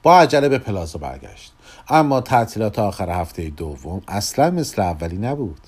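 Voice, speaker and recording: A man narrating a story in an expressive, lively reading style. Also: lowish voice, breathy edge.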